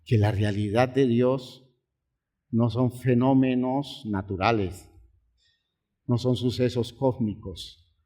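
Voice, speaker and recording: Slow-preaching pastor, man. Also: fairly even intonation. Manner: preaching with dramatic swings, from hushed to high, pleading outbursts. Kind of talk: sermon.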